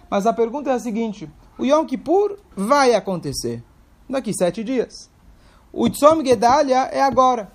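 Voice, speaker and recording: A man's voice: sits high, a little mellow. A man teaching a Torah class, explaining step by step and asking questions aloud to his listeners. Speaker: religious teacher.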